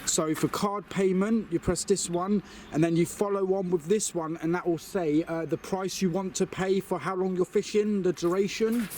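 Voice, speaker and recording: An excitable man talks casually to camera for his own fishing vlog, chatty and quick to laugh. His voice sits a bit high for a man. A faint hiss of outdoor noise runs under the recording. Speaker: fishing vlogger.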